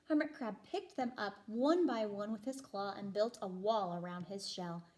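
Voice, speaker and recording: Speaking at normal speed in a medium-pitched voice, a woman teaching kindergarten reads a picture book to young children. She's expressive and explanatory, leaning on certain phrases for emphasis.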